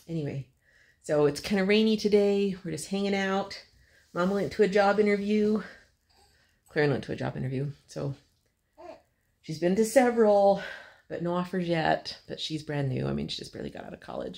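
A woman in her fifties chatting to a phone camera at home while babysitting, doting and quick to laugh. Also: fairly low pitch, vocal fry, a little mellow. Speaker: grandmother vlogger. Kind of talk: casual chat to camera.

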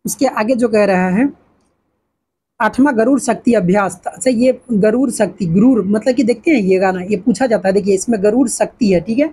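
A woman's voice: mid-range voice, moderate pace, warm tone, breathy edge. A woman teaching an exam-prep lesson, asking questions and answering them herself. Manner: repetitive, asks and answers her own questions.

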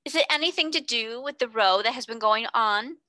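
A woman's voice: a little high, a little fast, pushed and bright, dry recording, clean studio sound. A woman reading voices an eager schoolgirl passing on gossip.

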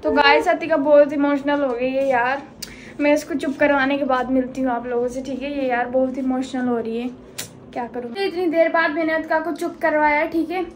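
A woman's voice: sits high, steady tone, fairly quick, slight background noise, rough recording. A woman hosting a casual vlog, chatting to viewers and often asking if they follow. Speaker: vlog host.

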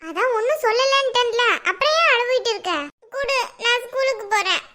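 Woman as a bossy cartoon mother, bright and sharp, fast to scold, quick to soften. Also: extremely high pitch. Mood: coaxing. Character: scolding mother, sharp-tongued but caring. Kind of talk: cartoon voice acting.

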